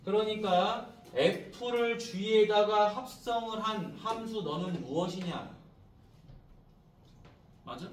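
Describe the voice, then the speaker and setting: A man teaching high school math as a classroom lecture, constantly checking in with his students through short prompting questions. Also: extremely slow, long pauses, reverberant, far from the mic.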